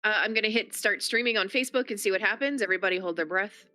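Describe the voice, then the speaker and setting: A woman's voice: medium pitch, rapid-fire, pushed and bright, no room sound. A woman chatting casually in a cheerful way. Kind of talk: casual chat.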